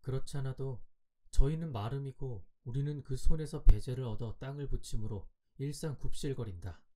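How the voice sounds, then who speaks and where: An audiobook narrator reads a classic tale aloud for sleep, his delivery calm and measured. His voice is warm and mellow at an ordinary pitch, following a scripted bedtime reading.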